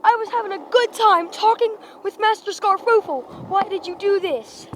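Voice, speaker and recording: A woman's voice: very high voice, moderate pace, noisy background. A woman voicing an indignant, complaining male toy bear that is stuck in place. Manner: complaining, repetitive.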